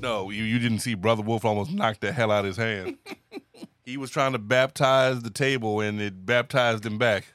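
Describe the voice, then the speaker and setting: Low-voiced male podcast host, dry sound. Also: moderate pace, no room sound. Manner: laughs easily, relaxed and talkative. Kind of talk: casual podcast chat.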